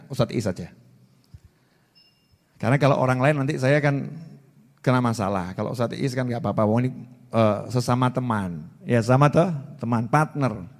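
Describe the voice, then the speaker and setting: A man in his forties with a Javanese-inflected Indonesian accent, giving an animated, joking sermon full of repetition. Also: mid-range voice. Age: 40s. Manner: animated, repetitive, jokey storytelling. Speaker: preacher. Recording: reverberant hall.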